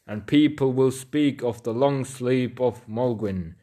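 A man voicing a wise old prophet and bard in a storybook, speaking slowly, solemnly and with foreboding. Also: medium pitch, warm tone, natural voice. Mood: ominous. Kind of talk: storybook character voice.

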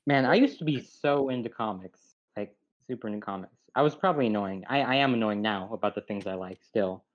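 The recording is dull and lo-fi, capturing a young man's lowish, brisk, animated voice in casual conversation. He wanders off track, rambles, and laughs self-deprecatingly as his train of thought slips away.

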